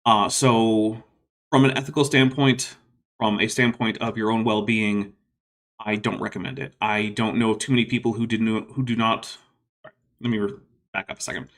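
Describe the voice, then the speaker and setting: This is a man hosting a laid-back YouTube livestream where he responds to viewer questions, musing in a loose, reflective way full of fillers and false starts. His voice is on the low side and a bit bright, with a level tone at normal speed, and listeners call it soothing.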